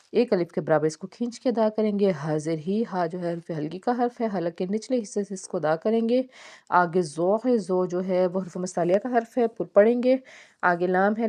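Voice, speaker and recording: A woman gives a tajweed lesson. She spells out each syllable slowly and draws out the recited words with care. Her voice sits at an ordinary middle pitch. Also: mellow. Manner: slow, deliberate syllable-by-syllable spelling with drawn-out recitation. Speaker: Quran teacher.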